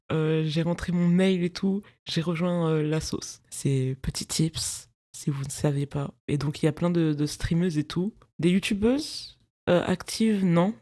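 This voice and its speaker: A woman's voice: sits low, mellow. A young woman in her twenties chats alone into the mic from her bedroom, hosting her own podcast. She wanders from topic to topic in loose, slangy talk and laughs often at herself. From France, of Cameroonian parents. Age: 20s. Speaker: podcast host. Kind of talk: casual solo podcast chat.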